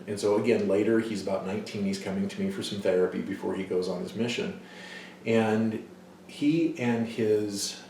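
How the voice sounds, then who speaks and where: A man's voice: fairly low pitch, slight background noise. A male psychology lecturer telling case stories in a lecture, acting out quoted voices now and then. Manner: storytelling, acts out quoted voices loudly. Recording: distant mic in a very echoey hall.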